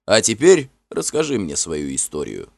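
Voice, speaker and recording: A proud heroic chieftain, played by a man in a storybook, declaiming loudly with a lifted, lively voice. The voice is dry and close, with soft music behind it. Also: sits low, moderate pace, vocal fry, no room sound, exaggerated voice. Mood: protective. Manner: forceful, declaiming. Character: bold mortal chieftain hero, proud.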